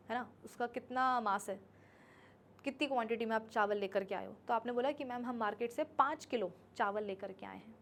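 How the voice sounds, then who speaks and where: A woman's voice: fairly high pitch, slight background noise. A woman teaching a physics class, chatty, acting out little scenes and her students' replies, often checking that they understand. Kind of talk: classroom lecture in Hindi with English terms.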